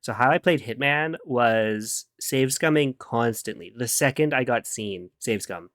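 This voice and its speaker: A man hosts a relaxed live stream, speaking at a measured pace in a medium-pitched, somewhat bright voice. Between remarks to viewers he giggles, hums and scats to himself while working, all captured in a dry, clean studio recording.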